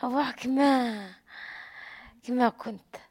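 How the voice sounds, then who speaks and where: Algerian woman, kinda high husky voice, short hesitant answers. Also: a little slow, a little mellow. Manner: hesitant, short replies, often asks to repeat. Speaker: interviewee, hospital patient. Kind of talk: halting answers in an interview.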